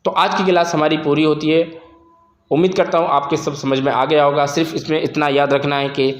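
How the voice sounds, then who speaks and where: A man's voice: a little high, level tone, fairly quick, echoey room. A man teaching Quran reading, drawing out each syllable and repeating the sounds for learners. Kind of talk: slow, step-by-step recitation lesson.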